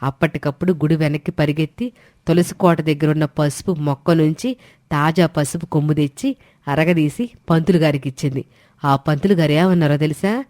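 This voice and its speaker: A woman's voice: sits low, moderate pace, no echo, natural voice. Give me a firm, stern mother-in-law, voiced by a woman, in a dry booth. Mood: defiant. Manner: forceful, scolding. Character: proud, stern middle-aged mother-in-law. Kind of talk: storybook drama voice.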